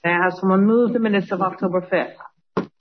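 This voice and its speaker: A meeting chair running a public session in brisk procedural phrases. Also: medium pitch, fairly even intonation. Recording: dull lo-fi audio.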